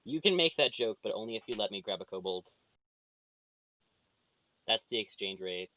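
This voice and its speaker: Deadpan low-voiced man, muffled audio. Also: moderate pace. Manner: dry, deadpan wit. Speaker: player. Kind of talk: tabletop game play.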